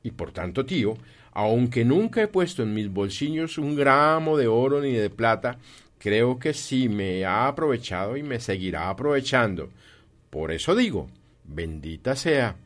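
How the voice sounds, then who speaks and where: A man voicing a cheerful, warm-hearted young nephew in an audiobook, talking earnestly and pleadingly. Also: medium pitch, very animated, measured pace. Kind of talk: audiobook reading.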